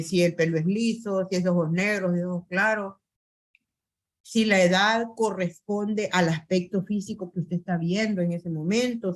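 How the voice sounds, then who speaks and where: A woman's voice: lowish voice, a little mellow. A woman lecturing an online university class, going through items one by one in a methodical way with frequent hesitation fillers, on a computer mic over a video call.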